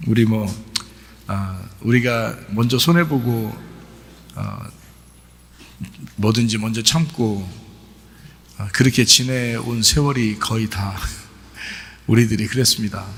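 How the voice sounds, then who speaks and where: A middle-aged man preaching a sermon as pastor, talking in a relaxed conversational way with many fillers. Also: on the low side, slow, pauses often, slight background noise. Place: church sanctuary. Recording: long church hall reverb.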